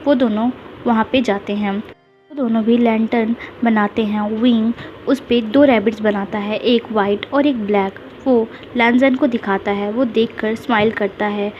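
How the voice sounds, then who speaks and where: A woman retells a fan fiction story, walking through events at a steady pace. Her voice sits fairly high. The sound is dull and lo-fi, with a faint hiss behind it. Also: unhurried. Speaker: story narrator.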